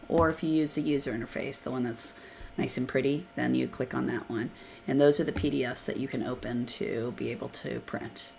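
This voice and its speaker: A woman with a hoarse voice from being sick hosts a live software demo and answers questions, talking casually as she clicks through screens. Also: a bass voice, a little hiss or hum. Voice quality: gravelly, hoarse. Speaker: software trainer hosting a live Q&A.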